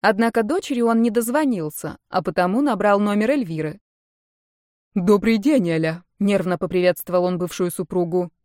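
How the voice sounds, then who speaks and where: A woman reading a novel aloud as an audiobook narrator, in an even, measured way. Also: mid-range voice, dry recording, studio quality. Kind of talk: scripted narration.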